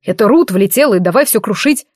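A woman's voice: medium pitch, lively intonation, quick pace, a little mellow, no room sound, studio quality, lightly acted. A woman voicing a haughty, sarcastic male elf in armor in an audiobook. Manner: sarcastic, eye-rolling.

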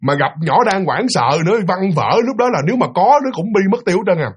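Young male storyteller, high and husky, quick and very lively, slips into character voices. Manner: lively, acts out voices of father and child. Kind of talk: animated ghost-story telling.

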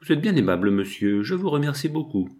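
A man voicing a gentle, devoted young Parisian seamstress, speaking softly and tenderly. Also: mid-range voice, sing-song, a little fast, pitched above the performer's own voice, natural voice.

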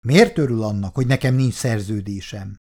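A man voicing a rude, quarrelsome younger tenant who snaps and mocks in a gruff, loud way, in an audiobook reading. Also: fairly low pitch. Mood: hostile. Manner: gruff, shouting, mocking.

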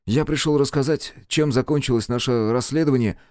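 A man's voice: medium pitch, fairly quick, a little mellow, no room sound, studio quality, pitched above the performer's own voice, close to an everyday voice. A man voicing an earnest, jealous teenage boy who speaks in a raised, agitated and pleading voice. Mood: earnest, gloomy.

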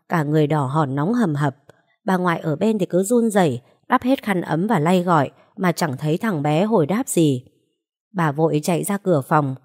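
A woman narrating an audiobook story in a steady, expressive way. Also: deep voice.

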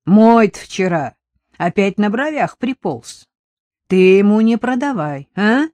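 A woman's voice: mid-range voice, lively intonation, measured pace, darkish tone, no room sound, pitched above the performer's own voice, natural voice. A woman voicing a complaining village pensioner woman grumbling about her husband, in an audiobook. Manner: plaintive, complaining. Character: complaining retired woman in a tracksuit.

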